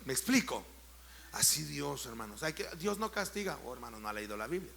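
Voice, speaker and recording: A middle-aged Mexican man preaching a sermon as pastor, firing rhetorical questions at the congregation, checking that they follow, and building to loud, forceful emphasis. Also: medium pitch, big pitch swings, fairly quick, vocal fry, a little hiss or hum. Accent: Mexican Spanish.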